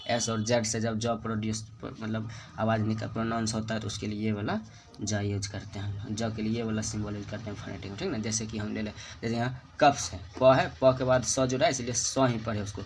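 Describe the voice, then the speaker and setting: A man's voice: on the low side, little pitch movement, a little fast, over music. A man with a Hindi accent teaching English phonetics, repeating example words and checking in with his students. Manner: repeats each example word and checks in with "ठीक ना". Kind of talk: whiteboard lesson explaining rules.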